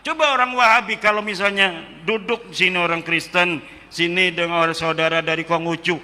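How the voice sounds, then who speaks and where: A middle-aged man from Tangerang giving a lively, joking public religious lecture and slipping in regional phrases. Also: high-pitched, a little fast. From Tangerang, Banten, Indonesia. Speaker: speaker addressing an audience. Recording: long hall reverb.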